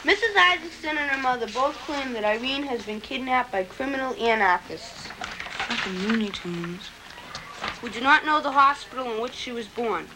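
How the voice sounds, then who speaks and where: A nineteen-year-old woman reciting her own poem and reading records aloud in a plain, earnest way, with some halting restarts, heard from a worn VHS tape copy. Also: a little high, lively intonation. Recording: hissy worn videotape copy.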